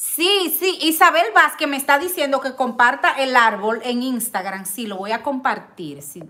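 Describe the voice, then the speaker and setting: A middle-aged woman chatting on a live stream, reading viewer comments with lots of excited exclamations and loud laughter. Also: high-pitched, normal speed. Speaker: vlogger hosting a live stream.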